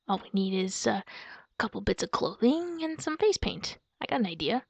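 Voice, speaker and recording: In girlfriend roleplay ASMR, a young woman voices an excitable, playful werewolf girlfriend picking Halloween costumes, musing aloud to her partner in a soft, hesitant, giggly, cutesy monologue that sounds improvised. Her exaggerated voice is on the high side and gravelly, recorded close, dull, lo-fi, and dry with no room sound.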